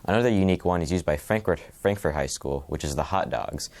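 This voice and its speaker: A male student presenter reading a scripted segment in an even, measured way. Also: sits low. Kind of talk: scripted narration.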